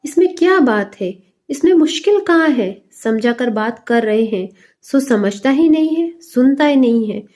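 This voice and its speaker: In a storybook reading, a woman voices a stern middle-aged father pressing his young son with scolding questions, sounding annoyed. Her voice is fairly high and animated but slow, with a dark tone.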